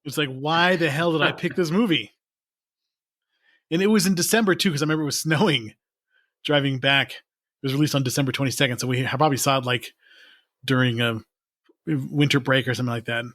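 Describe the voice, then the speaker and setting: A man's voice: medium pitch, a little fast, long pauses, fairly bright tone, dry recording. Brief: man, forties, easygoing podcast host, rambles and laughs, dry close mic. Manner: rambling, laughs often, many restarts. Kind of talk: casual chat.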